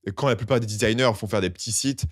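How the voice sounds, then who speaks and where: A man's voice: on the low side, fast, no echo, studio quality. A young man hosting a podcast, chatting casually with lots of slang and acting out quoted complaints. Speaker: podcast host.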